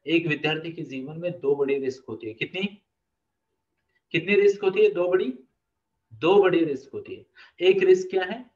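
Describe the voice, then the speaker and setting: Man, life coach, earnest motivational talk, fairly high voice, muffled distant recording. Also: echoey room. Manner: earnest, repeats "please note" and asks the audience questions.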